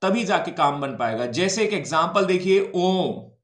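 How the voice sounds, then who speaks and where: A man's voice: sits high, expressive, normal speed, a bit bright, reverberant. A male teacher gives an exam-prep history lecture, explaining step by step, mixing Hindi and English and checking that students follow.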